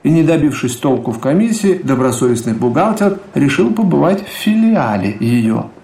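A man narrating a literary radio play in a measured, expressive storytelling manner. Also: fairly high pitch, creaky, roomy sound. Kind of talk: literary narration in an audio drama.

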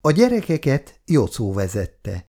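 A man reading a novel aloud, narrating and voicing all the characters. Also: medium pitch. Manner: expressive storytelling. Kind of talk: audiobook reading.

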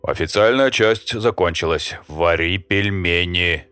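A man's voice: low voice, lively intonation, takes it slowly, fairly bright tone, no room sound, faint music behind, exaggerated voice. A man voicing a brash, rude male wanderer who is a trader from another world. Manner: rude, pushy, mocking.

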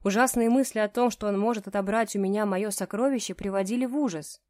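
A woman's voice: medium pitch, quick pace, a little mellow, dry recording, studio quality. A woman narrating a first-person romance story with emotive delivery. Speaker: audiobook narrator.

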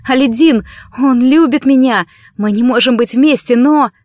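A woman's voice: sits high, normal speed, a little mellow, no room sound, clean studio sound, close to an everyday voice. A woman reading an audiobook, voicing a desperate young woman who pleads tearfully and insists.

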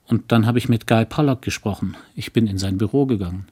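A man with a low, husky voice voicing a restless, dreamy young woman married to a doctor, speaking brightly and eagerly in an audiobook reading. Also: a little fast. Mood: lively. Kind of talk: audiobook character voice.

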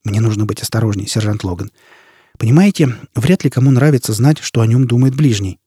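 A man's voice: medium pitch, a little fast, dark tone, breathy edge, no echo, studio quality, close to an everyday voice. A man voicing a lonely, anxious young woman teacher who talks in a fretful, pleading way.

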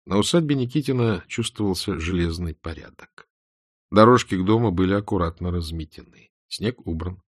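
A man calmly narrating an audiobook in a measured way. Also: low voice, dry recording, studio quality. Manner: calm, measured. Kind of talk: scripted narration.

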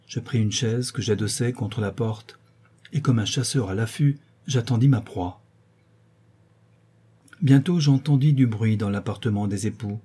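Brief: male audiobook narrator, dark husky voice, measured and expressive. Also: lowish voice.

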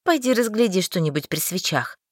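A woman reads first-person fiction with a wry, expressive delivery. Her voice rises and falls a great deal. The recording is dry and close, with no room behind it. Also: medium pitch, brisk, dry recording. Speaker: audiobook narrator.

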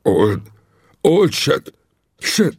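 A man's voice: sits low, big pitch swings, slightly rough, no room sound, clean studio sound, exaggerated voice. A man voicing a furious old Native chief. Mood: stammering shock. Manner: stammering, then shouting in rage.

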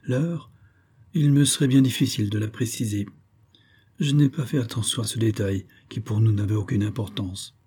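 A man's voice: lowish voice, normal speed, warm tone, slightly rough. A man doing a cunning suspect pleading innocence. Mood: evasive. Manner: theatrical, pleading. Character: cunning male suspect feigning outraged innocence.

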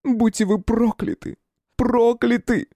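A man voicing a vengeful, hysterical noblewoman in an audiobook, with a hoarse, strained falsetto. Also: fairly even intonation, slow, warm tone, no echo, clean studio sound, exaggerated voice. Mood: shrieking. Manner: shrieking, sobbing, hissing. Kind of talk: audiobook character voice.

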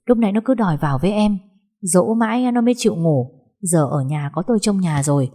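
A woman voicing a kind middle-aged housemaid who talks gently and soothingly. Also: lowish voice, lively intonation, fairly quick, breathy edge.

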